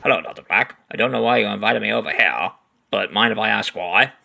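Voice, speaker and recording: A man's voice: on the low side, a little fast, vocal fry, sharp tone, exaggerated voice. A man playing a polite, formal army colonel in an amateur audio drama. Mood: courteous. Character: British army colonel, courteous dinner guest.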